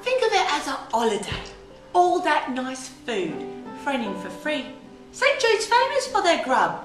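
An actress playing a flippant young adult daughter who puts on a mock Cockney accent. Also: female voice, sits high, wildly swooping pitch, a little slow, echoey room, music in the background, full character voice. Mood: wheedling.

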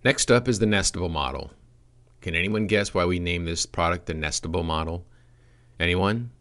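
A man giving a scripted product training presentation, with a dry, deadpan sense of humor. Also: sits low, moderate pace.

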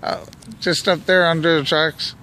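Here a man with a fairly high, sharp-toned voice talks casually while filming a night magnet fishing trip. He keeps his intonation level and never hurries. Recorded outdoors on a bridge walkway with a handheld camera or phone, the clip has a noisy ambient hum.

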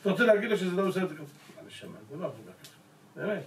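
A male rabbi giving a Torah lesson, pressing his listeners with rhetorical questions and calling them gentlemen. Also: high voice, big pitch swings. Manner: addresses the audience as gentlemen. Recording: roomy echo, voice from a distance.

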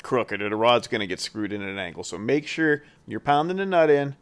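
A man's voice: medium pitch, fairly quick, clear, resonant tone. Regular guy explaining a diy build step by step, laid back and folksy, medium voice. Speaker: chainsaw carver, channel host. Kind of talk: how-to voice-over.

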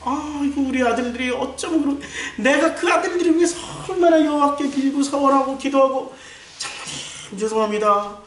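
A man's voice: very high voice, brisk, a bit bright, pitched above the performer's own voice. A man voicing an aging male priest who pleads and apologizes in a wheedling, coaxing way. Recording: roomy echo, distant mic.

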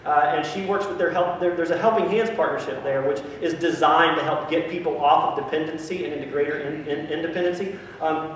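A man's voice: a little high, slight background noise. A middle-aged male pastor preaching a sermon, earnest and grateful, with many restarts and ums. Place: large church sanctuary. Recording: echoey sanctuary from a distance.

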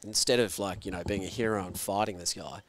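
A man's voice: low voice, fast. A man telling a story casually, swearing freely and acting out the voices of people in it. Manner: animated, swears freely, acts out shouted quotes. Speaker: guest.

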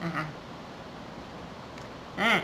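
A woman with a bright, clear voice leads a live phonics lesson, drilling letter sounds one at a time. She speaks slowly and patiently, repeating each sound again and again, with faint noise behind her. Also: poor audio. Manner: slow, repetitive drilling of sounds with polite Thai particles. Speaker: English phonics teacher.

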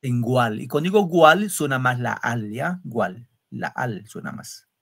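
A man's voice: mid-range voice, lively intonation, measured pace, vocal fry, fairly bright tone. A male secondary school literature teacher giving an online class over a video call, explaining step by step and often checking with students. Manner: explains step by step, keeps asking students questions with tag "¿no?".

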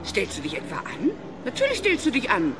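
A woman's voice: a little high, wildly swooping pitch, brisk. Fussy busybody neighbor lady, voice swoops up and down, noisy old record. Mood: fussy, chattering. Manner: echoes every question back, then answers it herself. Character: fussy chatty neighbor woman, nosy and bossy. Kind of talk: 1970s radio play acting.

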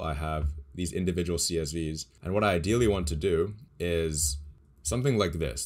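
A young man casually walking through his data science project on a screen share, explaining as he goes with small restarts. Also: sits low. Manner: relaxed, explanatory, thinks aloud with small restarts. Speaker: data science tutorial creator.

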